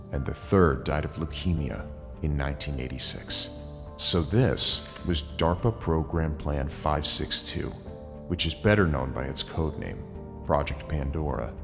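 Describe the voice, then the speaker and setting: A man reads a scripted narration in a disguised voice pushed extremely deep, so that it rumbles far below ordinary speech. He goes through facts and lists steadily and deliberately. The voice sits in a long, hall-like reverb, with faint music under it. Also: creaky.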